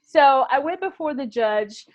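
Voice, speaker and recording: A woman co-hosting a podcast, telling a story in an animated, excitable way and acting out what others said. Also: high-pitched, measured pace. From Texas. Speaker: podcast co-host. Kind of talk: casual storytelling chat. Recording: dull lo-fi sound.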